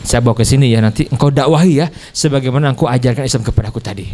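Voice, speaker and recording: A man in a sermon voicing a calm, persuasive young male preacher, in with a tinge and a chatty, coaxing manner. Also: mid-range voice, racing, slight background noise, voice pushed down, close to an everyday voice.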